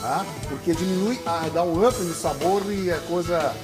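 A man's voice: on the high side, moderate pace, music in the background. A middle-aged man hosting a TV cooking show, chatting in a jokey, folksy way on a lapel mic. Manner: jokey, explains with folksy asides. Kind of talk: casual TV cooking chat. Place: rustic open-air kitchen set.

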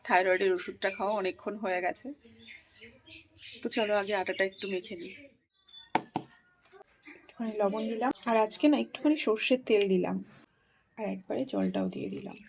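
A woman's voice: medium pitch, lively intonation, brisk, pauses often, background noise. A woman vlogger casually narrating her day at home, talking straight to her viewers in a chatty, homely way. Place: at home, in the kitchen.

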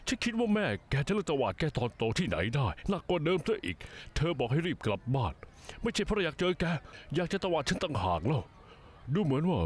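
A middle-aged man playing a sarcastic, henpecked father in a dubbed TV drama, with a husky voice and a complaining manner. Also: a little high. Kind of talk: Thai-dubbed TV drama dialogue.

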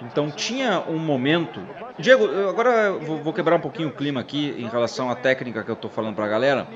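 Here the host talks fast and animatedly, his voice a little high, as he riffs on old fight clips and kids around with his co-host. Behind the dull sound, the footage's crowd roars loudly.

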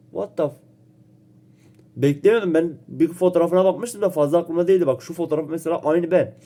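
A man's voice: a little high, dark tone. Joking young man, a little under the weather. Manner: joking, playful, quick reactions and self-teasing. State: slightly ill, voice a bit off. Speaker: vlogger. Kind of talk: casual chat to camera.

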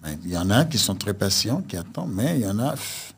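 A low, husky-voiced man from Haiti talks in a plain, measured way. He is a vodou priest answering questions on a studio mic. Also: very animated. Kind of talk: radio studio interview. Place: radio studio. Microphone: studio mic with headphones.

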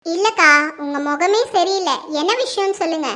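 A young performer plays a kind young sister-in-law in a family drama skit. The voice is very high and bright. She asks with concern and reasons gently. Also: moderate pace.

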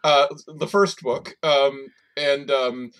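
A man's voice: medium pitch, fairly even intonation, takes it slowly, fairly bright tone. A man co-hosting a podcast, talking casually with many fillers and restarts and laughing easily. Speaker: podcast co-host. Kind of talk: casual chat.

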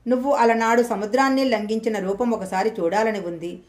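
A woman's voice: a little high, fairly even intonation, fairly quick, darkish tone, natural voice. A woman voicing a mighty young prince, proud and forthright, in a plain, direct storybook reading. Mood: earnest.

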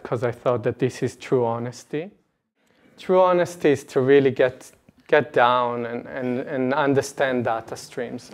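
Earnest man in his late twenties. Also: medium pitch. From Israel. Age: late 20s. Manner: earnest, animated, gestures broadly, laughs between points. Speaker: retreat speaker. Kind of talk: personal talk to a live audience. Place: indoor meeting room before a curtain. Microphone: lapel mic.

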